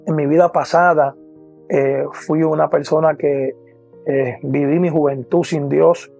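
Gravelly Puerto Rican evangelist. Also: male voice, fairly high pitch, fairly even intonation, unhurried, darkish tone, faint music behind. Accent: Puerto Rican Spanish. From Puerto Rico. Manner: earnest, repeats "poderoso el nombre de Jesús", many "eh" and "¿verdad?". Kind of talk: personal testimony to camera. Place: indoor room with lamp, seated. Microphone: lapel mic.

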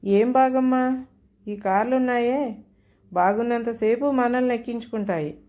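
A woman's voice: a little high, a little slow, dark tone, voice pushed up, close to an everyday voice. A woman reading a storybook tale, voicing a pushy, freeloading middle-aged man who wheedles favours over the phone. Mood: wheedling. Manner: overfamiliar, wheedling.

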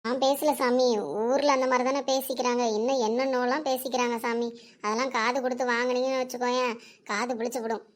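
A meek, gossipy older village woman pleads and defers in a rapid, steady stream, as a woman plays her. Her voice sits fairly high and stays flat. It is an amateur audio drama. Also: natural voice. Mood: pleading.

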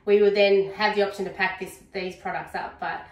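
A middle-aged Australian woman leads a walking tour of a prize home, gushing enthusiastically as she moves through the large furnished house. Her mid-range voice is steady and brisk, captured lo-fi by a handheld camera following her, so she is far from the mic, sometimes off-mic, with roomy echo and noise.

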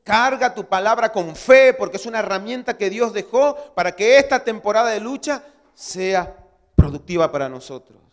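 A male pastor preaching a sermon, swinging from loud exhortation to hushed asides. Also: high-pitched, expressive, moderate pace, long reverb tail. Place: church hall.

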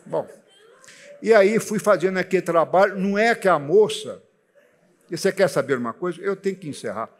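A male pastor delivers a sermon in a fairly high voice. He preaches in a lively storytelling way and often turns to the congregation with questions. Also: a little fast.

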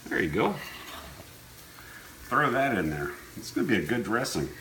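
A low-pitched man walks through a recipe in a loose, easygoing manner, chatting as he works. The room is echoey, and there is clear frying and stirring noise behind him. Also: wildly swooping pitch, moderate pace, bright, forceful tone. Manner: laid-back, easygoing, offhand. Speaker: home cooking show host. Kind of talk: casual cooking demonstration, talking while working. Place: indoor kitchen. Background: frying sizzle and stirring.

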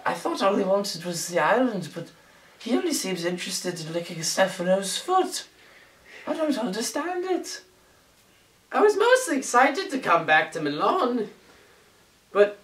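A woman's voice: on the high side, a bit bright. A woman playing a mock-grand, scornful comic servant with archaic, theatrical phrasing in an improvised Shakespeare parody. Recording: roomy, distant mic with faint noise.

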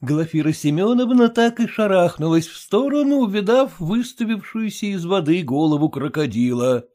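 A male audiobook narrator reads a classic story in a measured way. His voice is fairly high and lively, with a wide pitch range. He brings strong expression to the telling. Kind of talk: scripted narration.

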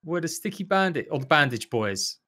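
A man's voice: on the high side, very animated, a little fast, sharp tone. A British man chatting casually and jokily with friends while playing a multiplayer game. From Britain. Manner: jokey, bantering. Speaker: gaming streamer. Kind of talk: casual multiplayer gaming chat.

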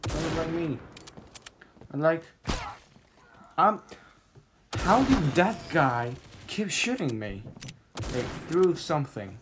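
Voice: medium pitch, lively intonation, slow pace, pauses often. A gamer commentating on a shooter game in short, repeated, exasperated complaints. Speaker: gaming video creator. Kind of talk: casual first-person shooter gameplay commentary. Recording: noisy, with game gunfire. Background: video game gunshots and clicks.

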